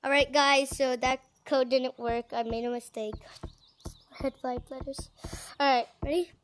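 A woman's voice: high-pitched, little pitch movement, unhurried, slight background noise. A woman hosting a casual gameplay prank video, playfully acting clueless and asking the same questions over and over. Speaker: gaming video host.

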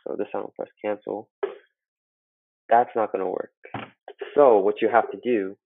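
A student making a casual screen-recording how-to video, his lowish voice muffled as if through a wall by the built-in laptop mic, with a little hiss or hum. He speaks at normal speed with fairly even intonation, loose and chatty and full of fillers.

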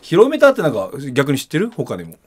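A young man co-hosting a comedy podcast, chiming in with quick, playful quips in casual banter. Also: fairly high pitch, wildly swooping pitch, slightly rough. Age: young adult.

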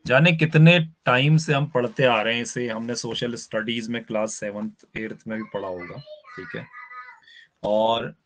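A man's voice: mid-range voice, a bit bright. Male teacher, live online lecture, patient step-by-step explainer who keeps checking in with students. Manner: spells out words slowly for emphasis.

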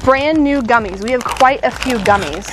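A woman's voice: a little high, normal speed, noisy background. A woman in her thirties hosting a casual candy shop chat, upbeat and chatty with fillers and small laughs.

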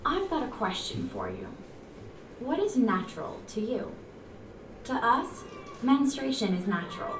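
A woman delivering a slow, earnest scripted voice-over for a promotional film. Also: a little high, echoey room, noisy background. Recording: distant voice over loud music.

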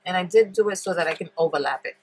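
The audio is poor with slight background noise, and this woman's low, slightly mellow, congested voice comes out rapid-fire. At her table she leads a relaxed, step-by-step paper craft demo, thinking out loud and filling gaps with ums.

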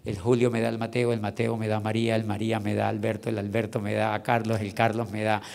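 A man giving an energetic motivational business talk, acting out little dialogues with loud bursts. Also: lowish voice, fast, vocal fry. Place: large convention hall. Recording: long hall reverb.

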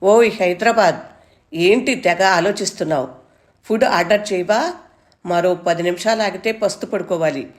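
A woman's voice: lowish voice, moderate pace, close to an everyday voice. A woman voicing a playful, ultra-modern young woman who talks in a cool, teasing way.

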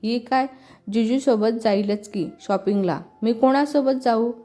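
A mischievous young sister who picks fights and teases everyone around her, as a woman reading a storybook voices her. Her voice is high and soft-toned. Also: a little slow, close to an everyday voice. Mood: bickering. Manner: quarrelsome teasing.

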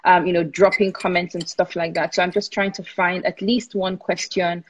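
A woman's voice: lowish voice, little pitch movement, moderate pace, dull audio. A woman with a Nigerian accent hosting a phone live-stream interview, reading out viewer comments in a conversational way with many ums. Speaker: host. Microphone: phone on a live video stream.

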